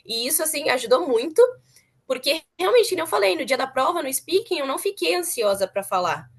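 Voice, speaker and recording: Young woman, interviewee, chatty, earnest, slightly high voice. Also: very animated, a little fast. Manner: chatty, earnest, repeats words for emphasis. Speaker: former student interviewee. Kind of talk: casual interview chat.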